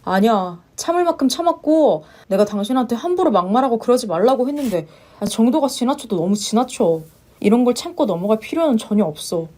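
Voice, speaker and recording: A woman voicing a gentle, supportive young husband who speaks softly and reassuringly in a narrated story. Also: lively intonation, brisk. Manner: soft, reassuring, low-voiced. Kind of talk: story narration with voiced roles.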